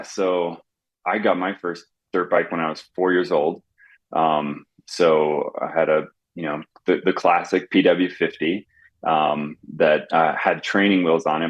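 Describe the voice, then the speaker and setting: Deep-voiced man in his thirties. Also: no room sound, dull audio. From Southwest United States. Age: 30s. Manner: easygoing, with fillers. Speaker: podcast guest. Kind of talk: casual interview chat.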